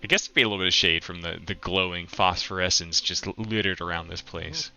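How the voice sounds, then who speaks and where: Man, bright clear voice, game master narrating a live tabletop session, faint music under. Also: deep voice, steady tone, a little fast, lo-fi sound. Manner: descriptive, with fillers. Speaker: dungeon master.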